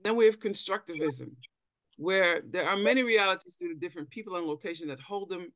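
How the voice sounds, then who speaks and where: A brisk, lowish, slightly bright female voice comes through with no room sound. The speaker is a middle-aged anthropologist from the Netherlands, presenting as a panelist in a thoughtful lecture with slides over a video call from an indoor room, frequently repeating words while finding her phrasing.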